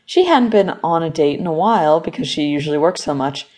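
Woman audiobook reader, low warm tone, steady measured delivery. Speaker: audiobook narrator. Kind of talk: scripted narration.

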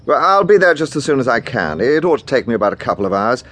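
An actor playing a dry, urbane police inspector with an upper-class English accent, asking clipped questions in a radio drama. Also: male voice, medium pitch, sing-song, fast, a bit bright. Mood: brisk. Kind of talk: radio detective drama acting.

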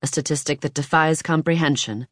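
An audiobook narrator giving a measured, even reading of nonfiction, recorded close in a booth. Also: medium pitch, dry recording.

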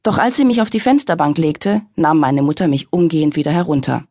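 A woman's voice: sits low, a little fast, dark tone, no room sound. A woman narrating an audiobook in the first person, in a wry, exasperated storytelling manner, on a close studio mic.

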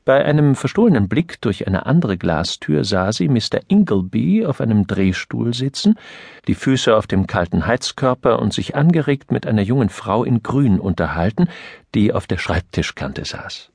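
Male narrator, gravelly, expressive, dry studio sound. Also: medium pitch, no echo. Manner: measured, expressive reading. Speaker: audiobook narrator. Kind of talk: scripted narration.

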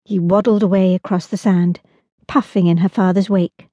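A woman narrating a children's audiobook in a lively, expressive storytelling manner. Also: on the low side, moderate pace, no echo, muffled recording.

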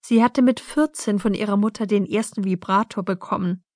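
A woman reading an audiobook in calm, measured scripted narration. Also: mid-range voice, no room sound, clean studio sound.

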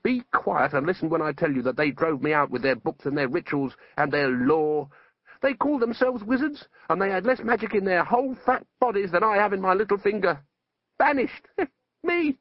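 A man's voice: a little high, moderate pace, few pauses, lo-fi sound. A man voicing Ipslaw, a bitter, obsessive exiled wizard father, impassioned and indignant, for an audiobook. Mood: ranting, indignant. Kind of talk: audiobook character voice.

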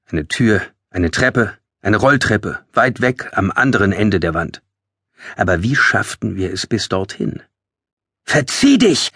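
A man with a husky voice reading a first-person audiobook in a tense, measured storytelling manner, recorded on a close studio mic. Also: low voice, bright, forceful tone, no echo. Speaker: audiobook narrator.

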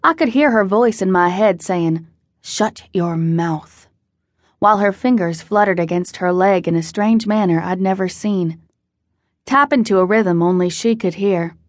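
A woman's voice: medium pitch, dry recording. Woman narrating an audiobook, close and dry. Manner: measured, steady storytelling. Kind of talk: scripted first-person narration. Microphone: close studio mic.

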